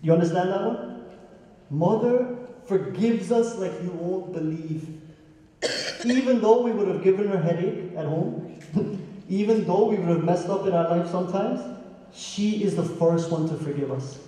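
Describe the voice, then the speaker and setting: A pandit from Guyana preaches to a congregation in a high, dark voice at a measured pace, posing questions and chanting Sanskrit verses. The recording sounds distant, in an echoey hall.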